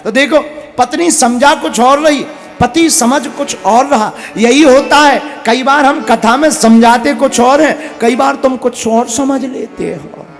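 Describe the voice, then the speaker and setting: A male preacher tells a humorous devotional story in a folksy, emphatic way. His voice is unusually high and his delivery slow and deliberate. It rings through a large reverberant hall over faint music. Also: vocal fry. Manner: folksy, joking, slow and emphatic, bursts into chanted verse.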